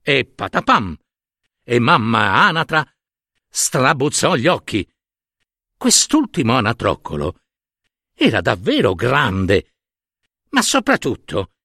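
A man reading a children's story aloud in a slow, expressive way. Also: mid-range voice, no room sound, clean studio sound. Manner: slow, expressive, lively narration.

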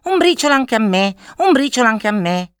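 A woman voicing a hoarse, chattering magpie that begs in a high sing-song voice. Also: sing-song, a little fast, dry recording, studio quality. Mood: pleading.

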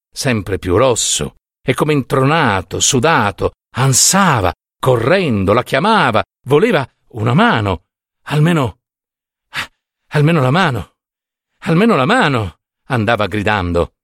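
A man reading a literary short story aloud, measured and expressive. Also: mid-range voice, no echo, clean studio sound. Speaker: reader. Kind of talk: literary audiobook narration.

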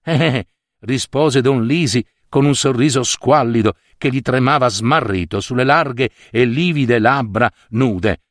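A man reading a literary short story aloud in an expressive, theatrical way. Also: medium pitch, a little slow, few pauses, dry recording, studio quality. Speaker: narrator.

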